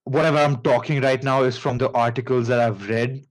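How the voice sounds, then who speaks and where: A man with an Indian accent hosting a casual podcast, telling a story in a rambling, halting way with many fillers and restarts. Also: mid-range voice, fairly even intonation, poor audio. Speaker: podcast host.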